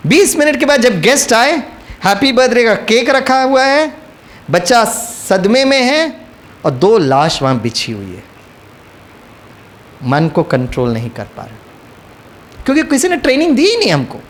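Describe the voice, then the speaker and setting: Guy giving a spiritual talk, high voice bouncing all over, tells stories and gets the crowd repeating. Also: huge pitch swings, a little slow, pauses often, a little hiss or hum. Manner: storytelling, coaxing the audience to repeat lines. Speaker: spiritual speaker. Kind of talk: motivational spiritual talk to an audience.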